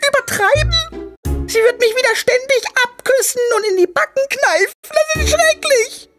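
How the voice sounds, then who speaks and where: A woman's voice: very high voice, moderate pace, a bit bright, faint music behind. A woman voicing a small, fretful and playful boy king in a cartoon who sighs, whines and giggles. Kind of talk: cartoon voice acting.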